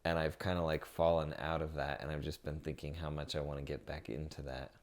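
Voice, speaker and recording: A man's voice: rumbling low, flat delivery, a little fast. A young man in casual podcast chat with his partner, rambling with lots of "like" fillers and talking openly about feelings. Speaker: podcast co-host.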